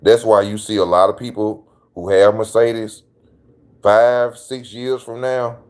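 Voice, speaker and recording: Slangy, emphatic man with a low voice. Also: flat delivery, a little slow, darkish tone. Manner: emphatic, repeats points, slangy. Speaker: channel host. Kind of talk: casual opinion commentary.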